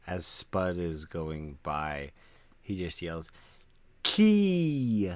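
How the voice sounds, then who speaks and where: A man's voice: very deep voice, level tone, takes it slowly, fairly bright tone. A man playing a tabletop game, playfully narrating what his character does. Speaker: player.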